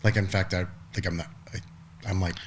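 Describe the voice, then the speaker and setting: A man's voice: low voice, little pitch movement, fairly quick, slight background noise. A man in his forties, a podcast guest, talking casually in a rambling way with lots of restarts and the odd swear word. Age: 40s. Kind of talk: casual conversation.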